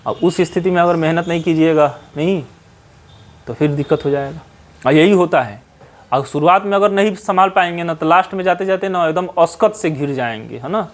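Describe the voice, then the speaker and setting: A man's voice: on the high side, a little fast. A man with a Bihari Hindi accent teaching mathematics in a classroom, advising students at length and tagging his sentences with "है ना?". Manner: scolding, advising, with frequent "है ना?" tag questions. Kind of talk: classroom lecture. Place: classroom with whiteboard.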